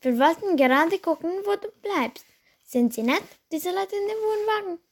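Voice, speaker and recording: A woman's voice: very high voice, lively intonation, moderate pace, pitched above the performer's own voice. A woman voicing an impatient, chatty mother who coaxes and scolds in a storybook reading. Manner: coaxing, exasperated.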